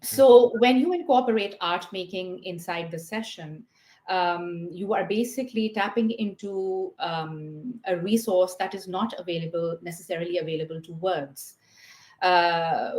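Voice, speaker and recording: A woman from Pakistan talks as a guest therapist over a video call. Her voice sits a little low, and she lays out ideas patiently, circling back with fillers as she goes. The audio has a roomy, echoey quality. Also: measured pace, darkish tone. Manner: thoughtful, explains step by step with frequent fillers. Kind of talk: explanatory interview talk.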